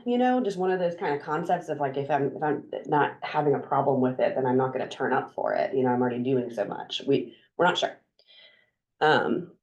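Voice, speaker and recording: Woman w/ a low voice, talking through a meeting, lots of ums and restarts. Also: darkish tone. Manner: chatty, upbeat, many fillers and restarts. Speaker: drug council coordinator leading a meeting. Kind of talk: meeting presentation.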